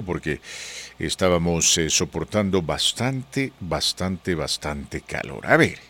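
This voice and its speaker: A man hosting a radio talk show, chatting casually and joking with his co-host. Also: mid-range voice. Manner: jokey, chatty, animated. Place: radio studio.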